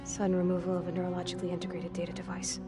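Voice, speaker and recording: A woman's voice: on the low side, completely flat delivery, racing, lightly acted. A woman voicing a young, artificially made woman in a video game, explaining things in a precise, clinical way. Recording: game audio with background music.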